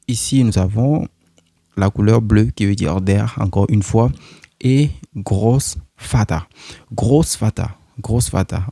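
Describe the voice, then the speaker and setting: Male language teacher, low mellow voice, unhurried, repetitive, faint music under a dry recording. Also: no echo. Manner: slow, repetitive, with many fillers. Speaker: German teacher. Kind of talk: online German lesson explained in French.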